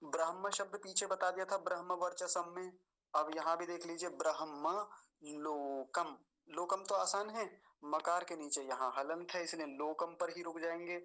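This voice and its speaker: A man patiently teaching mantra pronunciation, slowly repeating and drawing out each word. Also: fairly high pitch, bright, forceful tone, rough recording. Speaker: Vedic recitation teacher. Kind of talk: pronunciation lesson.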